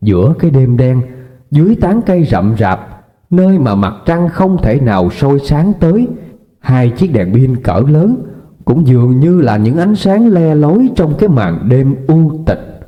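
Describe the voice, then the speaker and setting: A man's voice: a little high, sing-song, unhurried. A man narrating a ghost story in a dramatic, suspenseful way. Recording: dull lo-fi with faint music.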